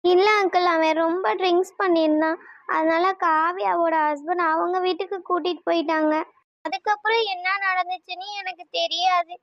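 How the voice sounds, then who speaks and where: A heartbroken young woman in a cartoon, voiced by a woman. She pleads and explains in a high, tearful voice. The sound is dry and close. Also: fairly even intonation, normal speed, a bit bright, no echo, lo-fi sound.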